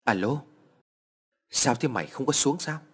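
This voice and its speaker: A man's voice: mid-range voice, lively intonation, unhurried, breathy edge, voice pushed up. A man voicing a ghost faking a teen friend. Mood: coaxing. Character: ghost posing as a teenage boy friend.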